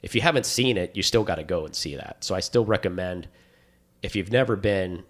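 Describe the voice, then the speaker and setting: A man's voice: low-pitched, fairly quick. A man co-hosting a podcast, talking in an enthusiastic, rambling way. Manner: enthusiastic, rambling, animated storytelling. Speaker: podcast co-host. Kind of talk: casual chat.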